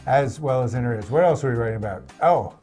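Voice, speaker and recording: A man's voice: mid-range voice, fast talker, mellow, faint music behind. A man co-hosting a talk show in casual chat, teasing his partner with playful banter. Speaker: co-host.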